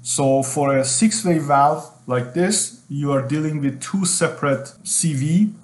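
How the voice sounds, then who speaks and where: A man's voice: a little high, measured pace. A middle-aged man teaching HVAC design over a screen share, explaining in an unscripted way with frequent ums and repeated phrases. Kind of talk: screen-share technical tutorial. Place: indoor room.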